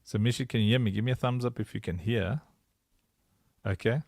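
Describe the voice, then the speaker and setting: A playful man hosts a casual livestream, his voice gravelly with fry. He chatters in a sing-song way and laughs often, recorded dry and close on a computer mic. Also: mid-range voice, fairly quick, a little mellow, no echo. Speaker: livestream host.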